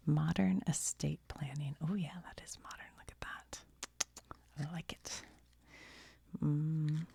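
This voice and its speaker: Speaking in a breathy, gravelly whisper that sits low and sounds warm, an American woman presents a casual ASMR show-and-tell. She muses aloud to the viewer while reading things out.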